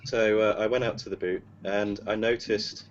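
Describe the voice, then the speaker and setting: A man's voice: on the low side, flat delivery, normal speed. A man telling a story casually, hesitant and full of fillers. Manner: rambling, hesitant, many fillers and restarts. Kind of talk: casual storytelling on a video call. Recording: dull lo-fi call audio with faint hum.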